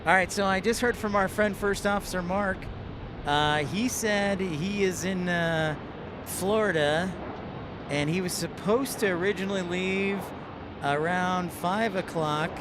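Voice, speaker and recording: A man's voice: high voice, measured pace. A man hosting a plane-spotting livestream with casual, chatty commentary. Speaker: livestream host. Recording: outdoor airport livestream with background noise.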